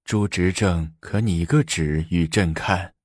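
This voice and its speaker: A man voicing a calculating, imperious empress who speaks slowly and quietly. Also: low voice, no room sound, studio quality. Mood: measured.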